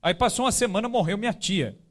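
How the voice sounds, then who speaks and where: High-voiced man telling stories in a talk. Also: fast talker. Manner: conversational, many tag questions. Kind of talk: storytelling talk to a live group.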